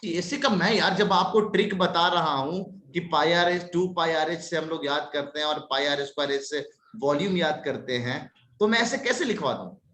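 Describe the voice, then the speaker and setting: A man teaching a live online maths class, lively and scolding his students in jest. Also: a little high, moderate pace, reverberant, a little hiss or hum.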